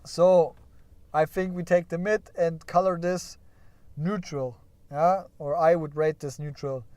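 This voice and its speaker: A man's voice: on the high side, steady tone, measured pace, a little mellow, dry recording. A man giving casual live commentary on company earnings while sharing his screen, thinking aloud and joking along the way. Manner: thinking aloud, chatty, hedging with frequent "yeah?"; playful, jokes about crying over results. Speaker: stock market streamer.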